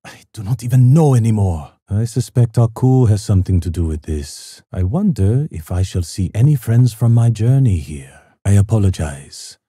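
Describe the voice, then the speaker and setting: A man voicing a stoic, honorable samurai swordsman in a video game, speaking formally, with measured, solemn courtesy. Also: fairly low pitch, animated, warm tone, breathy edge, dry recording, studio quality. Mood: solemn, courteous. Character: stoic, honorable time-lost samurai swordsman, polite and grave. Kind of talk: video game character voice lines.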